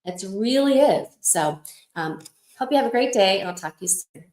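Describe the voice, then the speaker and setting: A woman's voice: mid-range voice, lively intonation, normal speed, darkish tone. A woman hosting a support livestream, talking casually and affectionately, telling personal stories and encouraging her viewers. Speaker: host of a lupus support livestream. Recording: roomy echoey room.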